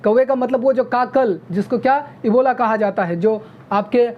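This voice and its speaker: A woman teaching a video grammar lesson, who often checks in with "okay?" and sounds out vowels slowly. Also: fairly high pitch. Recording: dull lo-fi recording.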